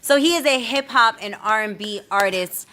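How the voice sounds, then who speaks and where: A woman's voice: mid-range voice, moderate pace, very noisy. Chatty woman podcast host. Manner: chatty, trips over words. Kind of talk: casual interview chat.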